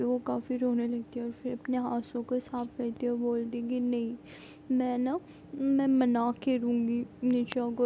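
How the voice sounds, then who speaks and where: A woman casually retelling a drama plot, rambling with many fillers and halting restarts. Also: a little high, highs cut off, a little hiss or hum. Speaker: storyteller recapping a drama plot.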